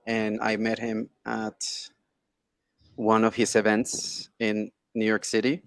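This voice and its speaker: A tech entrepreneur is interviewed as a guest on a video call, speaking slowly in a lowish, creaky, fairly bright voice with a completely flat delivery. He talks informally and keeps checking in with tag questions like "right?" and "you know?", and the recording is dry.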